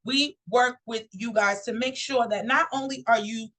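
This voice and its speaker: A woman's voice: fairly high pitch, normal speed, a bit bright, poor audio. A woman from New York hosting a live online talk show, upbeat and chatty, speaking straight to her viewers. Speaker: host.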